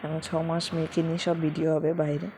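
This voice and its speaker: A young woman, narrating a home vlog in a quiet, slow, hushed voice. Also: deep voice, flat delivery. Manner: talks quietly and slowly, keeping her voice down. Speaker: vlogger. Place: home in a leafy rural area. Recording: noisy home recording with ambience.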